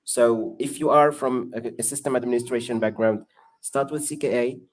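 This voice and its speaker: A man, a guest on an online panel, explaining things in a measured way over a video call. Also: mid-range voice, steady tone. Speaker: guest expert. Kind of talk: casual online panel chat.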